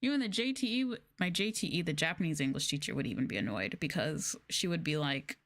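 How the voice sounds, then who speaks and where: A woman with a low, expressive, fairly bright voice talks fast as she chats casually on a livestream. A former English teacher turned livestreamer, she tells stories in informal, slangy language and sounds exasperated.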